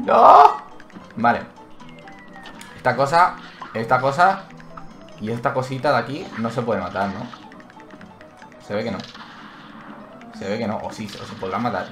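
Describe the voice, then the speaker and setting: Excitable man playing a game. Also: medium pitch. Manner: excitable, yelps and cries out when hit; thinks aloud, reads menu text aloud. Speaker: gaming channel host. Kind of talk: Let's Play commentary. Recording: roomy echo with game music behind.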